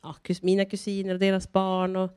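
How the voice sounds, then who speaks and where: A woman, an actor on a post-show panel, speaking in a relaxed, matter-of-fact way. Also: mid-range voice, smooth, dry recording, clean studio sound. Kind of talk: casual post-show conversation.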